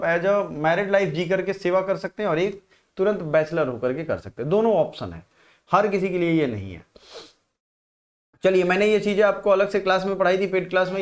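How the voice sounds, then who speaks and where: Man teaching a live exam-prep class. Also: sits high. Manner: questions viewers directly and checks comments.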